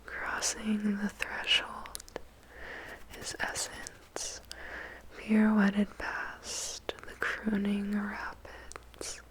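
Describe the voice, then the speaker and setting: A woman whispers a poem in ASMR style, phrasing it deliberately with dramatic pauses. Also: medium pitch, completely flat delivery, low-quality recording. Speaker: ASMR performer reciting a poem. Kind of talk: whispered ASMR poetry recitation.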